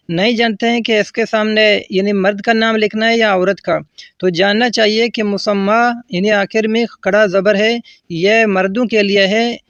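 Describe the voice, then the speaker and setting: A man's voice: sits high, no room sound. A man teaching correct word pronunciation, patiently and methodically, repeating each word with a short gloss. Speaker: Urdu language teacher. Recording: dull, slightly lo-fi dry recording.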